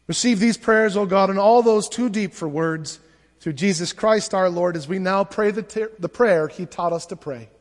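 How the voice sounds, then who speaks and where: A male pastor leading liturgical prayers at a pulpit microphone in a church, reading in a measured, solemn way. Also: high voice. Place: church sanctuary. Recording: long church reverb.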